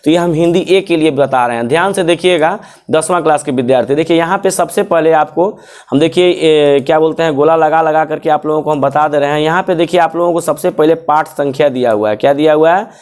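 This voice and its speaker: Fairly high-voiced teacher. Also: male voice, a little fast, a little mellow. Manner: repetitive, checks if students follow. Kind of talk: explaining a syllabus to students.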